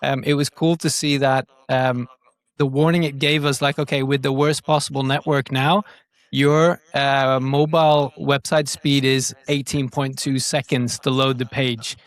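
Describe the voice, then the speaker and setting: His mid-range voice stays level and unhurried as he explains things in a casual interview. The speaker, a digital growth marketer on a podcast, repeats words while thinking them through, speaking Norwegian brokenly since it is not his native language.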